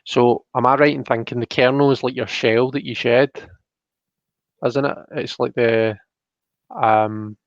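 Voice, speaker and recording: A man hosting a live tarot reading show chats casually on a live stream in a medium-pitched voice, with a steady tone and measured pace. He sounds tentative and apologetic, and the home live-stream audio is muffled and roomy.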